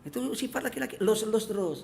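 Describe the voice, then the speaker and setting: A middle-aged man with a Medan accent preaches in a high, bright voice, joking with the congregation and acting out small scenes as he goes. A faint room ambience sits behind him. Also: very fast, gravelly, slight background noise. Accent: Medan Indonesian. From Medan, North Sumatra. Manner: joking and animated, acting out little scenes in asides. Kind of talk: humorous sermon.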